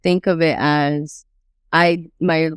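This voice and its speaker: A woman's voice: low-pitched, flat delivery, slow pace, smooth, no room sound, clean studio sound. A woman in her late twenties co-hosting a casual podcast, chatty and playful with slang. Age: 20s. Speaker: podcast co-host. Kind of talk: casual chat.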